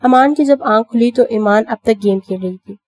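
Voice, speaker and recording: A woman narrating an audio novel in a steady storytelling manner. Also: fairly high pitch, no echo. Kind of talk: scripted narration.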